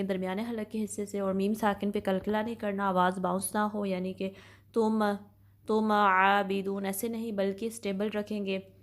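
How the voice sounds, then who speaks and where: A woman teaching a tajweed class, explaining pronunciation patiently and methodically and checking in often with her students. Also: medium pitch. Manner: patient, methodical explaining with slow drawn-out demonstrations; frequent reassuring check-ins. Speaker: Quran recitation teacher. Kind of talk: tajweed lesson.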